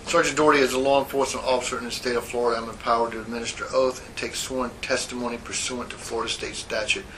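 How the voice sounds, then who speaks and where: This is a man in internal affairs, a sergeant, questioning a witness for a formal sworn statement inside an interview room, his methodical, procedural reading of formal statements captured on an old interrogation tape. The low-quality recording has a faint hiss. His mid-range voice is steady and a bit bright.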